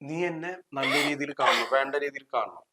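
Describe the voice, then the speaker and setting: A man playing a scheming friend who calms a crying woman while bargaining for favors, in a short film. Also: medium pitch, fairly quick, lightly acted. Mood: sly soothing. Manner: soothing yet sly, repeatedly saying not to cry. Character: scheming man who offers help for a price. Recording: noisy background hiss.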